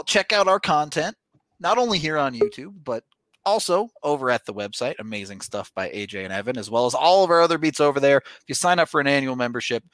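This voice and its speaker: A man's voice: medium pitch, a bit bright, no room sound. An American man hosting a sports podcast, chatting informally and reading out sponsor spots in a casual way. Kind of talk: casual sports talk and ad reads.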